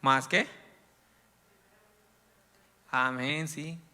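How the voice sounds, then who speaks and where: A man preaching a sermon in a church hall, rambling with many tag questions and then rising to loud, emphatic passages. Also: mid-range voice, very slow. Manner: rambling, frequent "¿verdad?" asides, rises to loud emphatic reading. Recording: long hall reverb.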